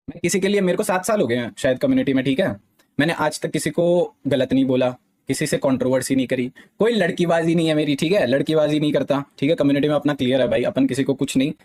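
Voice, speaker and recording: Insistent young man, fairly high voice. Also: darkish tone. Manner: insistent, repeats "theek hai" often. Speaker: gaming streamer. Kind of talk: heated live-stream explanation to chat.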